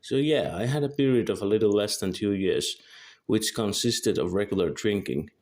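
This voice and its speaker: A lowish, slightly mellow male voice at normal speed belongs to a video creator from Finland, aged in his early twenties. Finnish is his native language, and he reads a scripted monologue with a Finnish accent, carefully fixing small mistakes.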